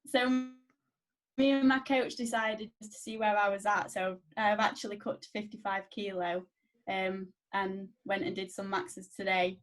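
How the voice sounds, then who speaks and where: A woman of twenty-one from England, a guest on a podcast, chatting in a relaxed, modest way and laughing often. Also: mid-range voice, moderate pace. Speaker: guest weightlifter. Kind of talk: casual podcast chat.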